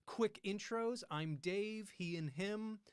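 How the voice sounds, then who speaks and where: A man's voice: sits high, slow pace, clear, resonant tone, no room sound. Chatty man hosting a casual stream. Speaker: podcast host. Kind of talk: casual livestream chat.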